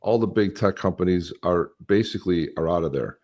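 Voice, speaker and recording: A man's voice: deep voice, animated, a little fast, a little mellow. A man hosting a podcast, chatting casually and bluntly as he reacts to clips, crude and rambling. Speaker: podcast host.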